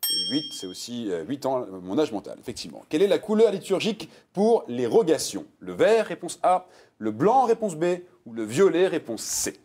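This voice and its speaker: A man's voice: on the high side, moderate pace. A man hosting a television quiz show, reading multiple-choice questions and joking with contestants. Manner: playful, jokey, reads multiple-choice answers with lively emphasis.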